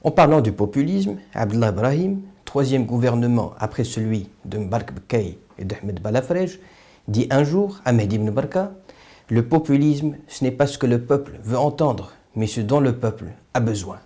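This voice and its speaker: This man, a video host and political commentator from Morocco, gives a scripted political monologue with formal, literary rhetoric. He speaks at a normal pace in a mid-range voice with lively intonation and a dark tone.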